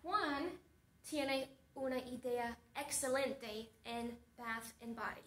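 A woman teacher tells a story to her class, speaking very slowly and deliberately and stopping to ask questions. Her voice sits high. The recording is roomy and echoey, as if she is standing a little back from the mic. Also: fairly bright tone, distant mic. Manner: slow and deliberate, asking the class questions and recapping. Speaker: Spanish teacher. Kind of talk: slow storytelling lesson for a class.

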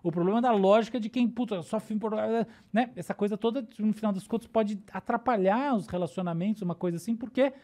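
Brazilian woman, neuroscientist guest, mellow tone, casual explainer who keeps checking in with the listener. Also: medium pitch, fast, hardly any pauses. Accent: Brazilian Portuguese.

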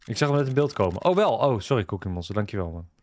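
A man's voice: on the low side, very animated, very fast, over music. A man casually commentating on a game he is playing, joking and bantering with the characters on screen. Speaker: gaming video host. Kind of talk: casual let's-play commentary.

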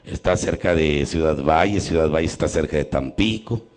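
A man's voice: a bass voice, normal speed. A man with a Mexican Spanish accent, a priest telling a folksy, joking story in a sermon at a church healing retreat.

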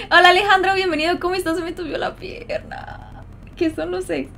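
A woman's voice: very high voice, steady tone, moderate pace, gravelly, sharp tone, slight background noise. A young adult woman with a Mexican accent, chatting casually and teasing her viewers while she plays a game on a livestream. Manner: slangy, teasing, reads out and greets chat while playing. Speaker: streamer. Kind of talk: casual gaming livestream chat.

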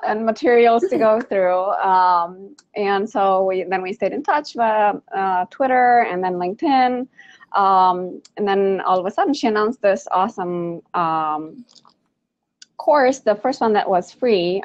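A woman guest on a video chat, speaking hesitantly with many pauses and ums. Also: mid-range voice, dull audio.

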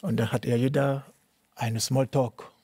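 A middle-aged man from Cameroon telling his life story in an interview, speaking halting, non-native German with many restarts and repeated words. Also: medium pitch, little pitch movement, darkish tone, slightly rough, no room sound. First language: not German. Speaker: interviewee, tennis coach. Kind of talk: personal testimony interview.

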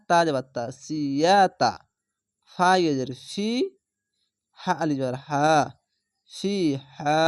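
Slow, patient Quran reading teacher. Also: mid-range voice, a little mellow, no room sound, clean studio sound. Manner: spells syllables one by one, then blends them; patient, repeats words slowly for learners. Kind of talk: slow spelling-out Quran lesson.

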